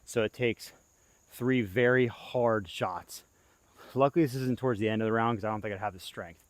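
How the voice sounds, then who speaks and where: A man's voice: fairly low pitch, normal speed, no echo. Winded young man calling his disc golf throws. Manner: excitable, yelps at his throws. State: winded and tired. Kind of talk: casual play-by-play commentary. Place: outdoor disc golf course.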